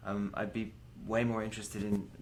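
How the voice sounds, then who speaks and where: Low-voiced man, relaxed chat. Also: moderate pace, background noise. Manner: relaxed, hesitant with many fillers, laughs easily. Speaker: actor guest. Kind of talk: casual interview chat.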